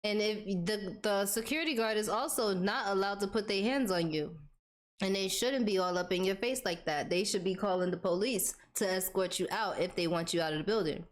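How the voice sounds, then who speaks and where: A woman's voice: medium pitch, fairly quick. A woman hosting a live stream, casually reacting to court testimony and laughing along. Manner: conversational, laughs while commenting. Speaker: commentary host.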